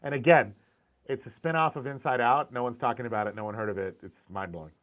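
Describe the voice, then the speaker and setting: Over thin, phone-like call audio, a fast-talking middle-aged man with a mid-range voice gives a candid, casual interview. He directs concept art and animation, has Syrian roots, grew up in the US, and keeps restarting sentences and repeating words.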